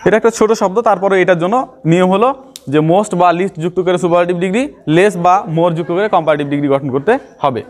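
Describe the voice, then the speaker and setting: A man's voice: high voice, fast. A man teaching English grammar in a classroom style, explaining step by step and repeating key terms.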